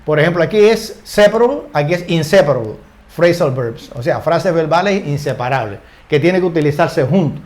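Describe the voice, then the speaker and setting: An older male teacher with a notably high voice explains grammar in an unhurried, conversational way. He keeps checking in with short tag questions and stumbles over repeated words as he looks for the right phrase. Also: lively intonation, darkish tone. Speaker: English teacher. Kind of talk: casual spoken grammar lesson.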